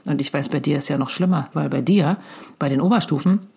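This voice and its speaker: A woman in her thirties, her voice sitting a little low, rambles through a comic monologue in a voice message. She's colloquial and mock-lecturing, often jumping her pitch to act out dialogue. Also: brisk, vocal fry, darkish tone, slightly rough. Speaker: mother of a schoolchild.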